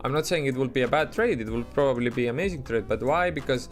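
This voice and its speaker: A medium-pitched man with an Estonian accent talks at a quick pace while streaming live, with soft music in the background. His casual commentary is chatty and loose as he answers chat, peppered with fillers and restarts.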